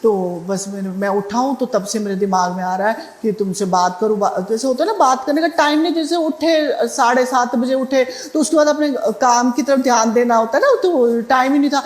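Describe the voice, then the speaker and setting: A woman's voice: on the high side, normal speed, hardly any pauses, reverberant. A middle-aged woman sharing a devotional testimony in a conversational way, with fillers and restarts. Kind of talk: spoken satsang testimony.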